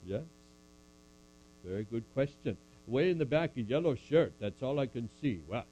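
In this church puppet skit with scripture recitation, a man gives voice to an older apostle who preaches to the audience and then takes their questions with dry, playful jokes. His mid-range voice is animated, mellow and natural, at a moderate pace, though the audio is poor.

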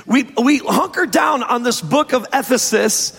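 A man preaching as a pastor in a hoarse, strained voice, emphatic and informal, stretching key phrases for effect. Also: extremely high pitch, unhurried, a bit bright. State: hoarse, strained sore throat. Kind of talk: sermon. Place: church service, amplified in a large room. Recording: echoey large hall reverb.

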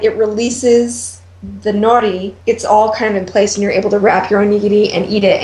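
A woman's voice: mid-range voice, a little mellow, echoey room, rough recording. Chatty woman explaining step by step. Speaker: podcast co-host. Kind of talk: casual chat.

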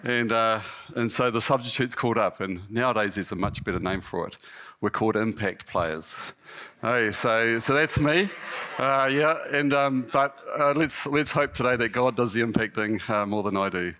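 A lay guest preacher with a New Zealand accent gives a congregation an informal sermon, lightly humorous and self-deprecating. His slightly husky voice sits at medium pitch, moves at a moderate pace and sounds pushed and bright.

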